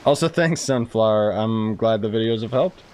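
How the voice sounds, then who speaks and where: A man with a lowish, darkish, clear and resonant voice talks at a moderate pace. He's a game streamer chatting casually with his viewers, rambling and thinking aloud in live-stream commentary.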